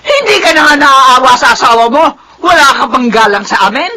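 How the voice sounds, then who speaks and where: An actress playing a fierce, sharp-tongued old mother. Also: sits high, expressive, brisk, background noise. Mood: furious. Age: older. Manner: sharp, scolding. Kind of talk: radio drama acting.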